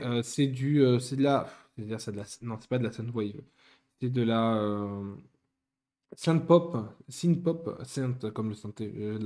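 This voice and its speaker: A man's voice: mid-range voice, dark tone. A young man chatting casually while building Lego, rambling and often correcting himself.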